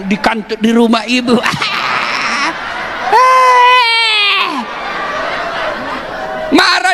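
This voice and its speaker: A man preaching a humorous sermon to a live audience, animated and teasing, shouting out his punchlines. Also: very high-pitched, in a large hall, background noise.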